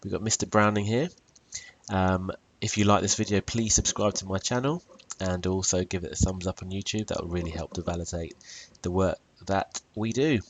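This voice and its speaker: A British man teaching poetry in a tutorial video, asking questions and telling students to pause and think. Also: sits low, steady tone, slight background noise. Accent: British English. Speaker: English teacher.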